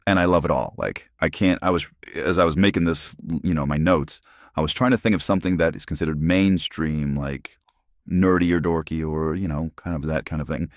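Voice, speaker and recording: A channel host from Arizona, in his forties, talks briskly through a voice changer that makes him sound very deep. His casual phone ramble is full of restarts, recorded cleanly in a studio with no echo.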